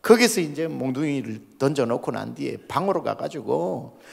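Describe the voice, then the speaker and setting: Male pastor, lively storytelling sermon, acts out dialogue, drops to near-whispers, long church reverb. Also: mid-range voice, normal speed, gravelly, husky. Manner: animated storyteller acting out quoted voices, dropping to hushed tones. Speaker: senior pastor.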